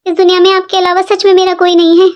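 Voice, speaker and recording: A performer voicing a sad, pregnant young daughter-in-law who pleads and complains softly in a cartoon story. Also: very high-pitched, monotone, fast talker, dull audio. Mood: plaintive. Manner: plaintive, pleading. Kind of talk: animated cartoon voice acting.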